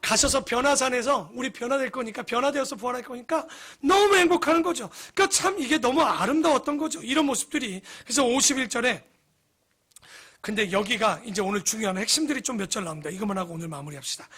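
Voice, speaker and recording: A middle-aged man pastor delivers a sermon in a church in a casual, humorous way, peppering it with questions to the pews. His voice sits very high and sounds bright and forceful. There is a husky edge to it. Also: lively intonation, fast talker. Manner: conversational, joking preaching with rhetorical questions. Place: church sanctuary.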